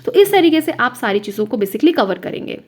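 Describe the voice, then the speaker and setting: A woman's voice: on the high side, very animated, fairly quick, a little mellow. A young woman teaching as an exam coach, walking viewers through study material in a chatty lesson and checking in often with short asides to the listener. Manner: chatty, repeats "है ना" and "ठीक है" to the listener. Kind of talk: screen-share lesson talk.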